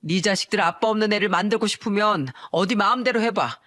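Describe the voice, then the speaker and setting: A woman's voice: medium pitch, fairly quick, close to an everyday voice. A woman voicing a brazen, hot-tempered middle-aged father who talks with scorn, in a told family story. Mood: dismissive. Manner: shouting, scornful.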